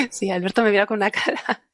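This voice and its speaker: A woman's voice: mid-range voice, moderate pace, a bit bright, no room sound. A woman guest on a science podcast panel, explaining her research casually, laughing often and restarting her sentences.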